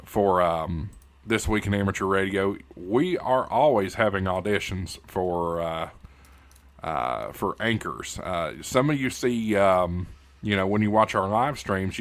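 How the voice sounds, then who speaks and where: A man with an Appalachian hillbilly accent hosting a casual tutorial in a folksy, informal way, talking straight to his viewers. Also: sits low. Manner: folksy, informal, addresses viewers as y'all and guys. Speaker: YouTube host and amateur radio news anchor. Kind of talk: casual tutorial livestream chat.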